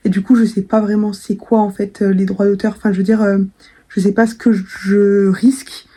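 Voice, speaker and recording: A woman's voice: mid-range voice, little pitch movement, moderate pace, dark tone, breathy edge. A young woman chatting casually to camera in a vlog, full of fillers and restarts. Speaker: vlogger.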